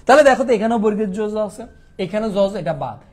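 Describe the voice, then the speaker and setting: A young man from Bangladesh teaching a quick exam revision lesson, asking questions and answering them himself. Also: high-pitched, expressive, a little mellow.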